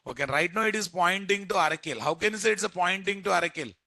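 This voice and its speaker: Male coding trainer, Indian Telugu accent, bright insistent voice with some gravel, repeats himself and quizzes the class. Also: sits high, expressive, fast, dry recording. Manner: repeats phrases and quizzes listeners. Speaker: programming instructor. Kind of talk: live software lesson to a class.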